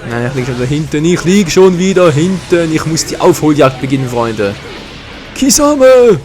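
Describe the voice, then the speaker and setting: An excitable man with a German accent talks over his own fighting game match, swinging his voice up and down as he cheers and curses. His voice sits a bit high for a man. Game music plays faintly behind him. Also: a little fast. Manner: excitable, swears and groans at misses. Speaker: gaming commentator. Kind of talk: live gameplay commentary.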